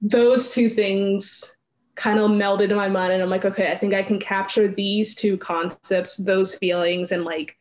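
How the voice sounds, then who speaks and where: A young woman guest on a podcast, telling a story in a lively, casual way with lots of fillers and laughter, acting out lines as she goes. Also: mid-range voice, measured pace. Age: young adult. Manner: animated retelling, acts out lines, laughs often, many fillers.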